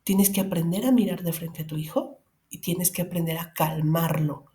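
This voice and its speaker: A woman's voice: lowish voice, normal speed, warm tone. A middle-aged woman with a Mexican accent giving earnest, emphatic advice to parents and speaking straight to the listener. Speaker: parenting advisor.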